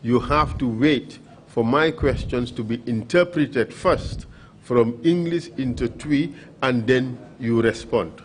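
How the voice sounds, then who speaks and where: Brief: man leading formal testimony, unhurried and procedural, faint noise behind. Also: medium pitch. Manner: slow, measured, procedural. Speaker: hearing panel questioner.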